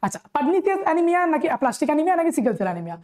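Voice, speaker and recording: A young woman with a Bengali accent giving a nursing exam-prep lecture. She reads questions out slowly and then explains the answers quickly, checking in with her listeners again and again. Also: high voice, big pitch swings, warm tone.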